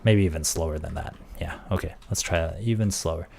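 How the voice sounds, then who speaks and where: A man streaming casually, thinking aloud as he works on audio software and trailing off into quiet mutters. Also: rumbling low, brisk, vocal fry, a little hiss or hum. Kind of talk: casual tech livestream.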